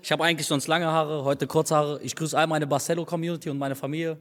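A man's voice: on the high side, level tone, fast, fairly bright tone. A man, a guest, talking casually in slang. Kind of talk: casual chat. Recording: reverberant room.

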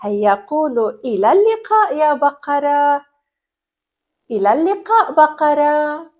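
A young woman leads a lesson for small children in a sing-song manner. Her voice sits high and swoops widely as she imitates farm animals. She speaks slowly and deliberately, stretching out her words. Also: big pitch swings, a little mellow. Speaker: children's teacher.

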